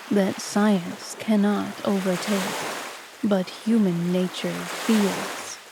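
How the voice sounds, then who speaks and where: A woman narrating poetry in a soft, calm and even voice, reading to help listeners fall asleep. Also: mid-range voice, noisy background. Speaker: sleep story narrator. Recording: voice over a loud ambient ocean bed. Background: ocean ambience.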